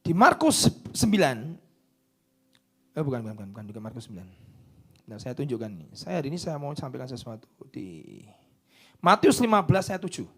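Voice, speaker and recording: A man preaching a sermon into a microphone in church, swinging from loud declarations down to hushed whispers. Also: medium pitch, sing-song, fairly quick, pauses often, slightly rough. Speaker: pastor.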